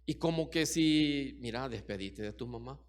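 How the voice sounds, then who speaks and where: A man's voice: medium pitch, animated, moderate pace. A middle-aged man preaching a sermon as pastor, emphatic and repetitive, full of rhetorical questions.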